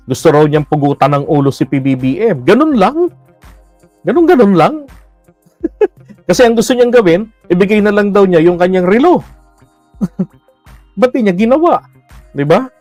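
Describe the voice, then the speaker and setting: A man's voice: high voice, animated, measured pace, pauses often, a little mellow, dry recording, soft background music. A man giving blunt, mocking political commentary in a casual livestream, laughing often and using many fillers.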